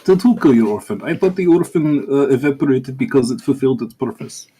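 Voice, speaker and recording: A man voicing a theatrical, formal, detached adventurer in improvised tabletop role-play, with a husky voice and measured manner. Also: mid-range voice, lively intonation, warm tone.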